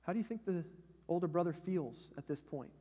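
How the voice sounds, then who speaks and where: A man's voice: fairly high pitch, a little fast, warm tone, husky. Man preaching in an echoing church. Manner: conversational preaching with rhetorical questions. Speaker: pastor. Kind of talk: sermon. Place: church sanctuary. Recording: long church hall reverb.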